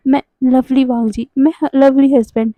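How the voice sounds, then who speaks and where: A woman's voice: high voice, fairly even intonation, normal speed, dry recording, phone-quality sound, close to an everyday voice. A woman voicing a cheerful, clingy young man who pleads sweetly with his cold lover, in a spoken storybook retelling. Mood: pleading.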